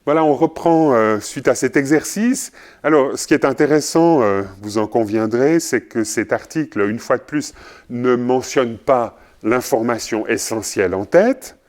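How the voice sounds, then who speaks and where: Male journalism trainer, mid-range voice, measured lecture pace with filler pauses. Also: mid-range voice, darkish tone. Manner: measured, often pausing with fillers. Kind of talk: recorded lecture.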